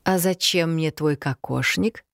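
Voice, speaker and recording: A woman voicing an unseen male spirit in a dark corridor, speaking slowly and grumbling in a plain manner. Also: sits low, vocal fry, no room sound, clean studio sound.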